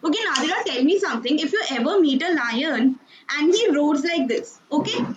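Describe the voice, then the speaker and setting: A woman's voice: high-pitched, animated, brisk, over a noisy crowd. A woman teaching an online class for children, encouraging and coaxing them with frequent praise. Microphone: video call. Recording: dull video-call audio with noise.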